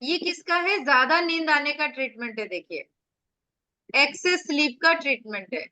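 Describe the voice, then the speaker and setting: High, bright-voiced woman teaching online. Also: animated, normal speed, no room sound. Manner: explains step by step, asks rhetorical questions; firm with students. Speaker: acupressure teacher. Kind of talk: online revision lecture.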